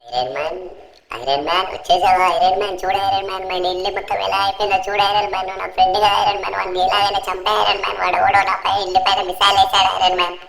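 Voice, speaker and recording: A woman's voice: medium pitch, little pitch movement, racing, vocal fry, a bit bright. A woman voicing an anxious young man in a gaming cartoon voiceover, pleading and repeating himself in a panic. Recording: echoey room with faint music.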